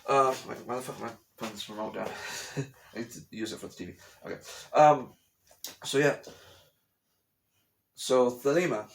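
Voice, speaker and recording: A man with a gravelly, medium-pitched voice talks at a normal speed, leaving long pauses. He's a vlogger at home in a room with a TV, rambling through a casual explanatory monologue to his camera, repeating phrases often and bluntly dismissing conspiracy theories. He is a native English speaker.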